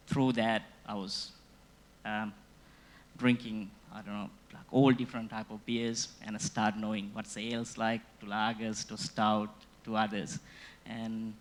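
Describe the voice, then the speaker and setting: A man from Sri Lanka, telling his story on a panel in a relaxed, hesitant way with fillers. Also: on the low side. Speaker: brewery founder and panel guest. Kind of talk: casual panel chat.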